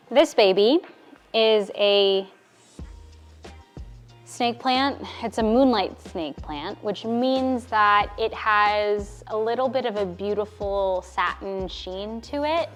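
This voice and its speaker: A young woman vlogging casually about her houseplants at home, chatty and self-deprecating, stretching out her words. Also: mid-range voice. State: out of breath. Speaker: plant vlogger. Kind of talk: casual chat. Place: home apartment.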